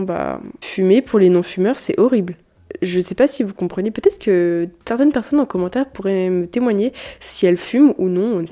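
Chatty young woman, mellow voice. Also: medium pitch. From France. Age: about 19. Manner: chatty, rambling, frequent self-corrections. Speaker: podcast host. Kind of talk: casual solo podcast chat.

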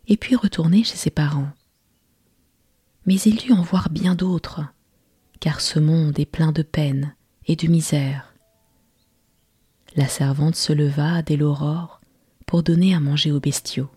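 A woman's voice: low voice, slightly rough, dry recording. Woman whispering a bedtime story, whispered role-play. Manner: slow, hushed whispering.

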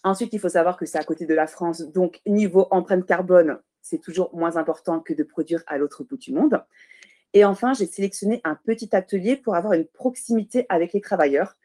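This woman's voice is lowish and mellow. Coming from a Portuguese family, she's a guest on a podcast interview as the founder of a baby clothing brand, earnestly explaining her product one step at a time, with frequent pauses and self-corrections.

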